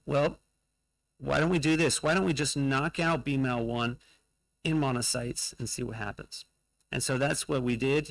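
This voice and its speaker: A man presenting a scientific lecture at a conference, measured and pausing often with fillers, his voice going hoarse. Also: mid-range voice, a bit bright, no room sound, low-quality recording. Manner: measured, with frequent fillers and pauses. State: losing his voice. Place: conference hall.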